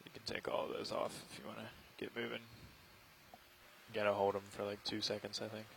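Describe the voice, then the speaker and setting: A man's voice: fairly low pitch, little pitch movement, brisk, vocal fry, fairly bright tone, a little hiss or hum, low-quality recording. A man giving terse, practical technical instructions as a vehicle pilot. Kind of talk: technical radio chatter.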